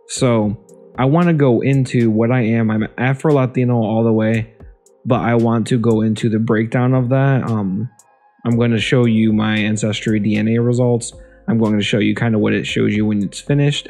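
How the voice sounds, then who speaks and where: A young man with a somewhat low voice talks casually into a close desk mic in a small room at home. He is chatty and relaxed, circling back over his words and filling pauses with um, and faint music plays behind him. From Ohio, USA. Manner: chatty, relaxed, repeats himself and says um often. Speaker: YouTube vlogger. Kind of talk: casual vlog talk. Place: small room at home in front of a green screen. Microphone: desk microphone near the face.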